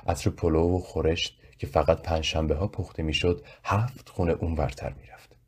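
A man narrating a story in a slow, measured, reflective way, with a husky voice. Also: rumbling low, steady tone, darkish tone. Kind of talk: audiobook narration.

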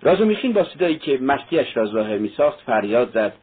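A man narrates a novel in a steady, even reading voice. His tone is husky and rough. The recording is narrow and tinny, like a phone line. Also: medium pitch. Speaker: audiobook narrator. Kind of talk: scripted narration.

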